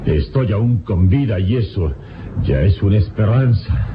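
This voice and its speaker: A man's voice: fairly low pitch, big pitch swings, unhurried, noisy background. An actor playing a strong, resolute male adventurer in an old radio show, determined, speaking his thoughts aloud, heard on a dull lo-fi recording. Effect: old radio show sound, dull and lo-fi. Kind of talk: 1970s radio drama acting.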